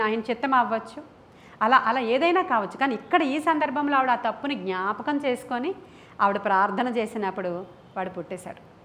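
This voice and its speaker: A woman's voice: fairly high pitch, fairly bright tone, slight background noise. A woman pastor preaching to a congregation in a church, impassioned and emphatic, full of rhetorical questions and repeated phrases. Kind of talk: sermon.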